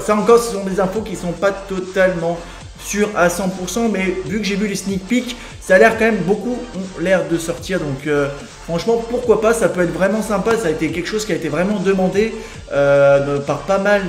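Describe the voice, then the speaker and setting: A man's voice: high voice, moderate pace. A young man hosting a casual gaming video, rambling with many fillers and restarts. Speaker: gaming YouTuber. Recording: echoey room with faint music. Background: faint background music.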